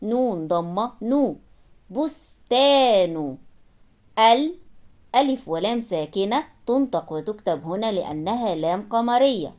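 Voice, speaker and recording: A woman's voice: medium pitch, animated, warm tone. A woman teaching a reading lesson, sounding out each word syllable by syllable and naming the vowel marks. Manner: sounds out syllables slowly, then names each vowel mark. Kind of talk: slow syllable-by-syllable spelling lesson.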